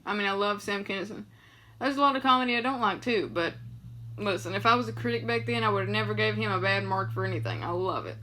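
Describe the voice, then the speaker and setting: A woman's voice: medium pitch, fast talker, pushed and bright, a little hiss or hum. A young woman talking casually to her viewers, rambling through loose, profane stories full of fillers. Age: young adult. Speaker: vlogger.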